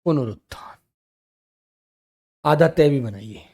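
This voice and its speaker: High-voiced man dictating a spelling class. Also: lively intonation, darkish tone. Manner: dictates words slowly, repeating each one; calls students "बेटा" and "मेरे बच्चों". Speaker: teacher.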